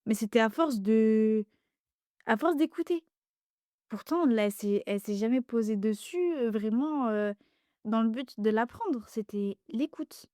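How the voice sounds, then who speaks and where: A young woman with a slightly high voice speaks at a measured pace as a casual podcast guest, her native language being an Arabic dialect. She's hesitant and animated, with frequent fillers and restarts, captured in a dry, clean studio recording.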